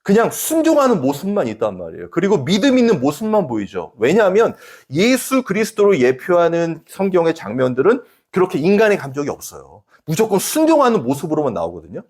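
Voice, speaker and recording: Animated Korean pastor preaching. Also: male voice, fairly high pitch, fast, few pauses, slightly rough. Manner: animated preaching, rising emphatic peaks, drops to hushed asides; addresses congregation directly with questions. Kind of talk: sermon.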